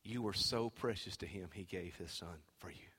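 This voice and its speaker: A man preaching a sermon as pastor, swinging from shouted exhortation to hushed, near-whispered pleading. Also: low-pitched, moderate pace, slightly rough. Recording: long reverb of a large hall.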